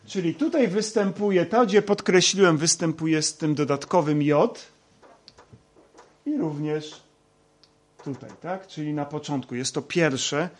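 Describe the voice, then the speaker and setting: A man teaching a Bible lesson, talking slowly with many hesitations and fillers. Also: on the high side. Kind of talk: lecture with slides.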